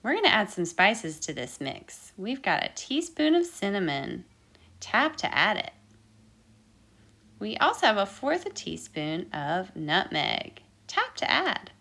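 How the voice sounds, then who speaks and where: Her medium-pitched voice swoops wildly and has a sharp tone, moving at a measured pace. This woman leads an interactive baking lesson for kids, full of counting and songs, repeating sing-song instructions to encourage her listeners.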